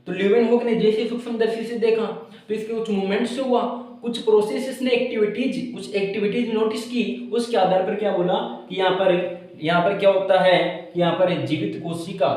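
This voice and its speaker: A man with a high voice gives a school science lecture. He is playful and keeps asking his class questions that he answers himself. The recording carries a heavy room echo. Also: darkish tone. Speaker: teacher. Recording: very echoey room.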